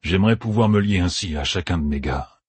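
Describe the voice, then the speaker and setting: A man voicing a stern, steady middle-aged general who talks calmly and gravely. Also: sits low, brisk, no echo, full character voice.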